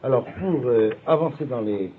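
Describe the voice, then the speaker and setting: A man's voice: mid-range voice, lively intonation, normal speed. A man teaching a Talmud class, explaining at length and often checking that his students follow. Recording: tinny lo-fi recording with faint noise.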